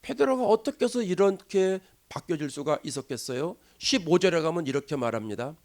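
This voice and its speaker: A man's voice: fairly high pitch, brisk. A male pastor delivering a sermon at a church, acting out quoted speech and dropping to near whispers for emphasis. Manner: animated preaching, acts out quoted voices, drops to a hush. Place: church sanctuary.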